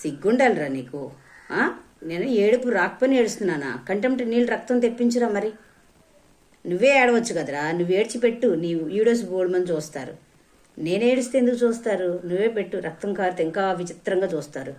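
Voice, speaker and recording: A woman's voice: medium pitch, expressive, fairly quick, a little mellow. Furious woman scolding and hurling insults. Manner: bitter and defiant. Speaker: vlogger answering online commenters. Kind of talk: angry rant addressed to the camera.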